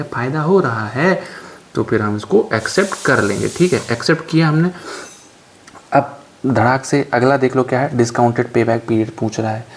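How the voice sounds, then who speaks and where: A man's voice: mid-range voice, a little mellow. Chatty man tutoring finance problems. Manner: chatty, repetitive step-by-step drilling with joking asides. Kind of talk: screen-recorded worked-example lesson.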